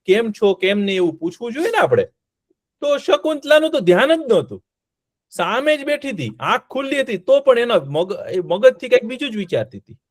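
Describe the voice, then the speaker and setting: A man telling a story to children, animated, asking them questions and repeating words. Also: very high voice, a little fast, dry recording, studio quality.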